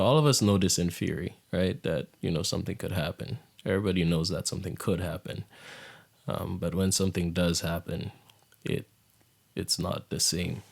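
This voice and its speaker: A young man hosts a podcast in a low, gravelly voice. He talks casually and reflectively, often sinking into a hushed, soft delivery. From Saint Lucia. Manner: reflective, soft-spoken, drops into hushed near-whisper. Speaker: podcast host. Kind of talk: casual monologue.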